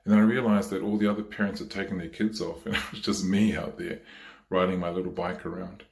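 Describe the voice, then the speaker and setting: A man giving a eulogy for his mother at a memorial service, talking slowly and haltingly with many pauses and fillers. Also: sits low, fairly even intonation, gravelly, echoey room.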